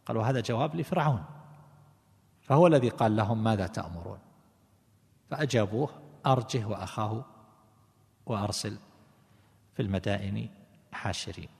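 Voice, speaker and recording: A man teaching a lesson on scripture commentary, explaining each reading deliberately and correcting himself as he goes. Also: fairly low pitch, animated, vocal fry, darkish tone. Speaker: religious teacher. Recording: long hall reverb.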